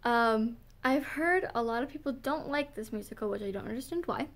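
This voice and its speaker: A woman's voice: a little high, animated, fairly quick. Giggly young woman vlogging. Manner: giggly, filler-heavy, gushing. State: losing her voice. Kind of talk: casual chat.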